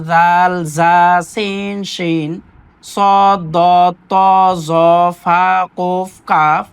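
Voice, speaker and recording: A woman giving a scripted lesson on recitation rules, explaining each rule in a measured way. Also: mid-range voice. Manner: slow, measured explanation with drawn-out chanted recitation examples. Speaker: Quran recitation teacher. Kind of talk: scripted instructional narration.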